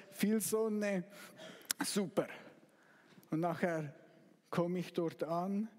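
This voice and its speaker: Slow-speaking preacher man in a hall. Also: fairly high pitch. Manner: slow, dramatic storytelling with sudden loud outbursts. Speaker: pastor. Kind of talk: sermon with guided retelling.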